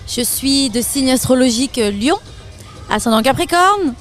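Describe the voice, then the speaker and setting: A French woman with a high voice chats freely as an interview guest, laughing easily between her stories. Faint music plays in the background. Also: normal speed. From France. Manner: lively, laughs often, chatty with fillers. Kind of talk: casual interview chat.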